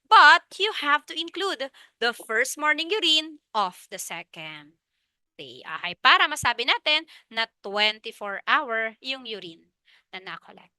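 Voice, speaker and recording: Mixing Tagalog and English, a woman with a Filipino accent runs a review lecture, answering the questions she poses and going back over key points. She speaks unhurriedly in a high, sing-song voice that is pushed and bright, smooth, on a dry recording.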